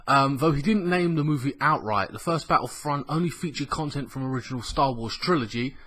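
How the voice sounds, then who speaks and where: A man with a slightly croaky, under-the-weather voice, hosting a casual gaming news vlog in a rambling, colloquial, sweary way. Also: medium pitch, a little fast, fairly bright tone. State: ill with a cough. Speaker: gaming news show host.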